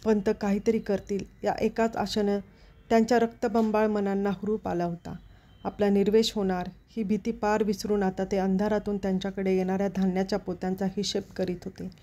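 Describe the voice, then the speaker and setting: A woman storyteller reading a novel aloud in a steady, expressive literary narration. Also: medium pitch, brisk. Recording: dull lo-fi recording.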